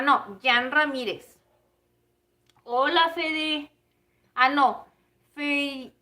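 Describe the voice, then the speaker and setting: A woman in her 30s with a Mexican Spanish accent hosts a cooking livestream, her voice high and fairly bright. She chats casually with her viewers and giggles often.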